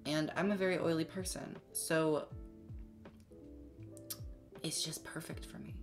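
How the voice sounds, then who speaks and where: In a small indoor room set up for filming, a twentysomething beauty vlogger chats casually to camera for a makeup review, all sassy, slangy drag queen attitude. The voice is mid-range with fairly even intonation and an unhurried delivery, and background music plays.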